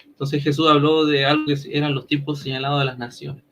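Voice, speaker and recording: A Chilean man presenting his side in an online debate, earnest and deliberate with some hesitations. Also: fairly high pitch, little pitch movement, muffled recording. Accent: Chilean Spanish.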